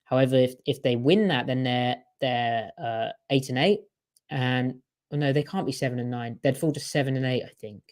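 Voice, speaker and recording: A man's voice: medium pitch, fairly even intonation, moderate pace. A man co-hosting a podcast in casual sports chat, talking in a chatty way with strings of rhetorical questions. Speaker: podcast co-host.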